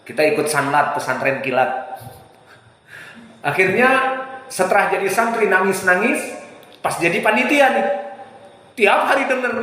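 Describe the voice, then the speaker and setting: Man preaching, loud recitation, echoey hall. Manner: swings from loud raised Arabic recitation to low storytelling; mixes Arabic quotes into Indonesian talk. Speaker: Islamic preacher. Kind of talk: hadith study lecture.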